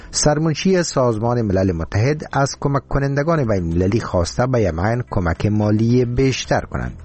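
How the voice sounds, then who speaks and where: A man's voice: mid-range voice, a little mellow, husky. A man with an Afghan Dari accent reading scripted radio news headlines in a solemn, formal manner. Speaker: newsreader.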